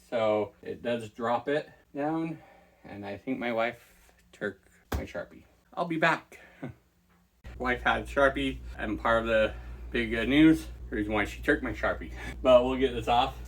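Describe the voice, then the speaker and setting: A man's voice: mid-range voice, slight background noise. A man running a reseller vlog who talks casually and thinks aloud as he packs and ships orders, thanking each buyer by name. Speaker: online reseller. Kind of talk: casual packing-and-shipping vlog.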